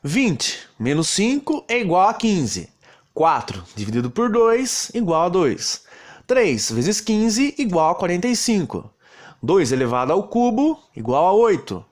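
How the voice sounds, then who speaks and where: Lively Brazilian man teaching a lesson. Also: sits high, unhurried. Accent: Brazilian Portuguese. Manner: steady, explains step by step. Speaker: programming teacher. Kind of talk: recorded lesson narration.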